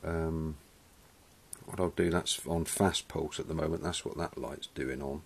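A welding instructor gives a casual demonstration in a workshop, matter-of-fact and chatty, calling people "mate". He has a bass voice, creaky with a breathy edge, speaking in a steady tone at a measured pace. The camera audio captures a noisy workshop.

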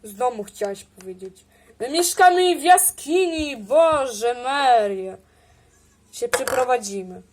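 A woman with a high voice improvises a toy role-play, playing several squabbling characters. She talks at an unhurried pace and jumps playfully from one voice to the next. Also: expressive, slight background noise. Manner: playful, bickering, switches between character voices. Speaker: toy video creator.

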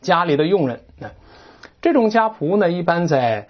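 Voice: mid-range voice, big pitch swings, normal speed. An English teacher a burr on word endings. They give a lecture on textbook vocabulary, explaining step by step and putting questions to the class. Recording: dull lo-fi recording.

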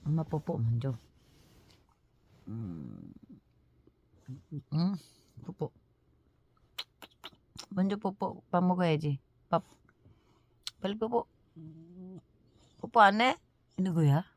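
Slow-talking playful woman at home. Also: low-pitched, sing-song, dry recording. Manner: playful, laughing, talks to her pets. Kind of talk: casual home video chat with animals.

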